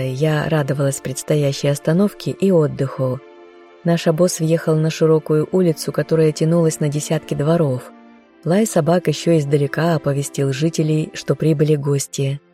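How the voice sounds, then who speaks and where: A woman reading a novel aloud in scripted first-person narration with a steady storytelling manner. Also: low voice. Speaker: audiobook narrator.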